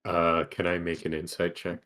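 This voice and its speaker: A man playing a tabletop game, asking about rolls in a halting way. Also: deep voice, completely flat delivery, fairly bright tone. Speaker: player. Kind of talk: casual tabletop chat.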